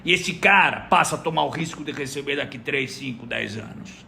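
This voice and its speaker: A man's voice: medium pitch, animated, brisk, gravelly, sharp tone, slight background noise. A man co-hosting a podcast, talking emphatically in casual chat. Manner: emphatic, talks in lists. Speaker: podcast co-host.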